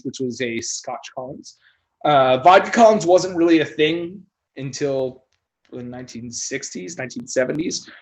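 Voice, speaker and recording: Relaxed joking bartender man. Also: on the high side. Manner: loose, joking, swears casually. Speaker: bartender teaching a cocktail class. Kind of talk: casual livestream cocktail class.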